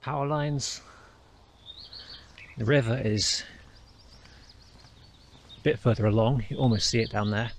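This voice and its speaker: This hiking vlogger's voice is mid-range and unhurried, broken by long pauses as he narrates his walk on a countryside hillside, restarting small bits as he thinks aloud. Recorded on a camera mic outdoors, there's a faint hiss or hum. His first language isn't Welsh.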